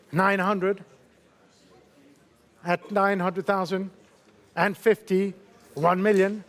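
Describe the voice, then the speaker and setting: Man, high voice, fine art auctioneer, live bid calling, repeated figures, courteous coaxing, short questions. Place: auction saleroom in London.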